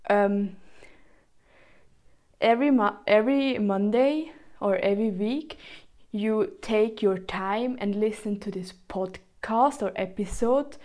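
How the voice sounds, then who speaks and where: A woman from Switzerland with a Swiss German accent hosts a chatty solo podcast in halting, non-native English, often repeating herself. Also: mid-range voice, darkish tone. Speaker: podcast host.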